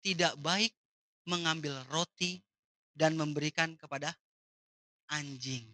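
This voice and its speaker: A woman's voice: deep voice, slow pace, sharp tone, voice pushed down, exaggerated voice. A woman preacher quoting a stern man who turns away a pleading woman, said firmly and dismissively. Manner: firm and dismissive.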